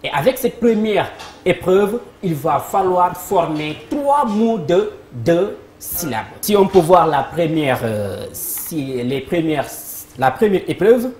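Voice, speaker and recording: She hosts a live televised word game, cheerfully welcoming viewers and cueing the audience to clap. Her lowish, slightly mellow voice has a sing-song quality and takes things slowly, recorded in an echoey studio with faint background noise.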